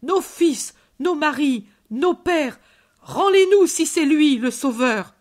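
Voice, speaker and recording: A woman voicing an angry crowd of grieving villagers shouting demands. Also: high voice, lively intonation, slow, voice pushed up. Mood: furious.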